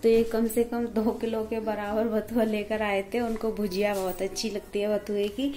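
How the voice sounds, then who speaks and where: A woman's voice: medium pitch, little pitch movement, moderate pace, warm tone. A young woman narrating a casual home vlog at night, chatty and matter-of-fact, as she tutors her son. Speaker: vlogger and mother.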